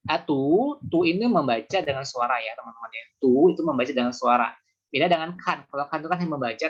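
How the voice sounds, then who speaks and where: A man teaching a beginners' Mandarin class online, explaining patiently and slowing down to repeat examples. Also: fairly high pitch, a bit bright. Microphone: video call. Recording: muffled video call audio.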